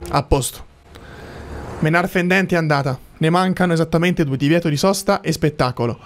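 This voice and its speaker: A man's voice: fairly high pitch, fairly quick, background noise. A man hosting a gaming video, commenting casually and thinking aloud to his viewers as he plays. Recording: loud game music behind.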